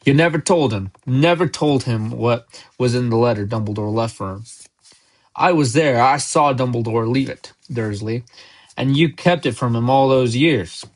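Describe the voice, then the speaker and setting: Storybook giant: gruff, folksy, blustering, kindly , man reading. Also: medium pitch, very animated, normal speed. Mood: gruff, exasperated. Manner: loud blustering outbursts, folksy speech.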